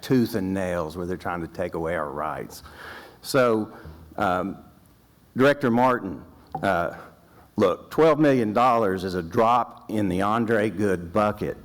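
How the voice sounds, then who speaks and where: Low-voiced man pressing the council. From Arkansas. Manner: pointed, addresses directors by name, rising to emphatic. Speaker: citizen speaker at city council forum. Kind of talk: public comment speech.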